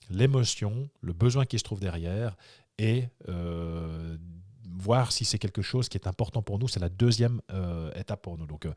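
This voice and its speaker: A man's voice: on the low side, darkish tone, no room sound, studio quality. A man coaching in a video workshop, talking with many fillers and repeated words, and acting out example inner thoughts. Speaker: life coach.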